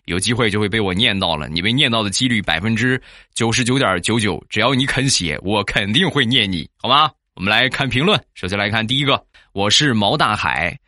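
A man telling funny stories about married life, acting out the quoted people in sudden high bursts. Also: expressive, a little fast, pushed and bright, no room sound, clean studio sound. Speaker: joke-telling host. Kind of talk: comic storytelling.

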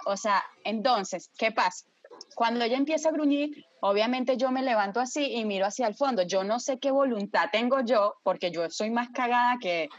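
Her voice is a little high, and the lo-fi recording carries no room sound. Chatting with friends, she spins a lively, dramatic tale full of swearing and keeps checking that her listeners are keeping up.

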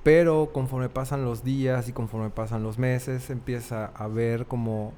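A man's voice: medium pitch, steady tone, measured pace, mellow, slight background noise. A young man with a Mexican Spanish accent, telling a personal story in a casual chat and laughing often. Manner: chatty, laughs often, acts out quoted voices.

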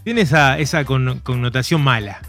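A man's voice: medium pitch, moderate pace, fairly bright tone, faint music behind. A man co-hosting a radio show, chatting casually and dropping joking asides. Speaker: radio co-host.

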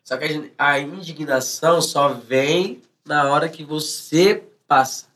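Male guest, São Paulo accent, street-slang chat, slightly raised pitch, a touch off-mic. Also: measured pace, a bit bright, recorded from a distance. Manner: heavy street slang, acts out imagined reactions. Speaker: music artist, interview guest. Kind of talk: casual chat.

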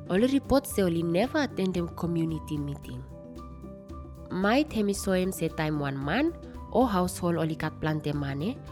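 A woman's voice: lowish voice, a little mellow. A woman with a ni-Vanuatu accent reading scripted narration in Melanesian pidgin. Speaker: podcast narrator. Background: music.

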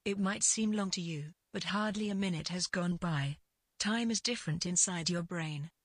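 The narration of this literary fiction piece comes from a woman whose slightly low voice is noticeably husky, her phrasing measured and deliberate. It is a dry recording with hardly any room sound.

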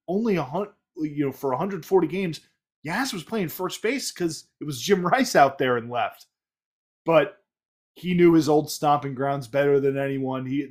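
A man with a Boston accent hosting a casual baseball recap podcast, chatty and enthusiastic with frequent fillers and restarts. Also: a little high. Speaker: podcast host.

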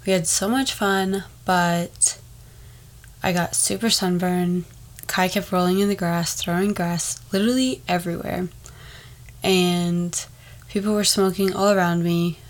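A woman's voice: lowish voice, fairly even intonation, a little slow. A young woman with a wheezy, congested voice, chatting casually as a solo podcast host and drifting into rambling asides. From Texas, United States. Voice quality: wheezy, stuffed-up voice.

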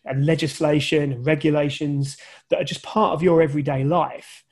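A man's voice: on the high side, fairly even intonation, moderate pace, darkish tone. A man who teaches journalism, answering interview questions thoughtfully over a video call and often restarting his sentences. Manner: thoughtful, many restarts and fillers. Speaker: journalism lecturer.

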